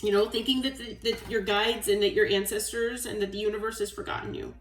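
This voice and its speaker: A woman giving a collective tarot reading in a gentle, encouraging way, often checking in with "okay?". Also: mid-range voice, fairly even intonation, fast talker, far from the mic, a little hiss or hum. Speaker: tarot reader. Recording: roomy sound, voice away from the mic.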